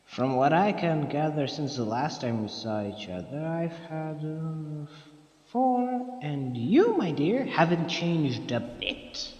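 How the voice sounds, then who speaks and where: A man playing a mad, scheming Time Lord villain in an audio drama, theatrical and teasing with drawn-out phrasing. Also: on the high side, big pitch swings, a little mellow. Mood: mock-friendly. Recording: echoey room, long reverb, dull lo-fi sound.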